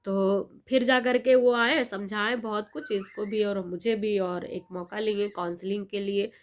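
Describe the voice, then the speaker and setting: A woman's voice: medium pitch, steady tone, a little slow. A young woman vlogger speaking passionately and indignantly to her viewers, recounting an incident. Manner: impassioned, indignant, addresses viewers directly. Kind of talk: emotional first-person vlog recounting an incident.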